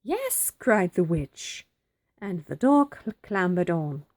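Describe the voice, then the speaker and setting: Slow, expressive woman reading aloud. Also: fairly low pitch. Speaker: storybook reader. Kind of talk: children's picture book read-aloud.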